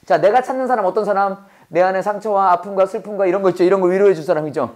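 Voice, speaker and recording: A man's voice: sits high, very fast, darkish tone. A Korean-speaking man teaching a Bible-based English lesson to a class. He drills phrases with call-and-response and laughs often.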